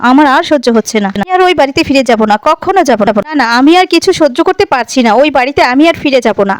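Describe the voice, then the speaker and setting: A woman retells a story in a rapid, high voice, barely pausing between lines. She reads out every character's dialogue without changing her voice. The recording is dry and close, with no room sound. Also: no echo. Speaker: serial recap narrator. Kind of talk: fast recap narration, reading out every character's lines.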